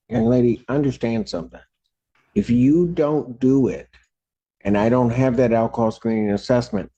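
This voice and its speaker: A man speaks as a stern, scolding judge, his tone dark and heavy. The sound comes from a played-back courtroom recording, dull and muffled. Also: mid-range voice. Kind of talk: presiding over a court hearing.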